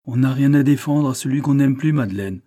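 A man's voice: lowish voice, moderate pace, warm tone, husky. A man reading the part of an anguished young man, a jilted lover who pleads in bitter despair. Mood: anguished, impassioned.

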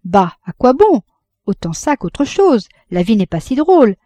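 A woman reading a novel aloud, voicing a weary, bitter woman who answers slowly and with resignation. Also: on the high side, sing-song, mellow, no room sound, voice pushed up. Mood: resigned. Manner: slow, resigned.

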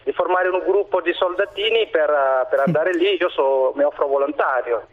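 A non-native speaker, a man with a foreign accent, calling in to a radio phone-in, halting and repeating his phrases. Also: fairly high pitch. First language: not Italian. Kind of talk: impassioned live call-in talk. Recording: tinny narrow phone line.

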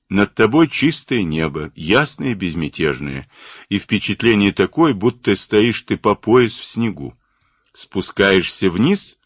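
A man narrates an audiobook in a very low voice with lively rises and falls in pitch. He tells the story at a measured pace, and the recording is dry and close to the mic. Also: no room sound.

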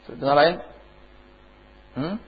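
Husky teacher quizzing his class. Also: fairly high pitch, measured pace. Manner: quizzes class, chants Quranic examples. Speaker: tajwid teacher. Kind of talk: classroom lesson with questions to students. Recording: dull lo-fi classroom tape.

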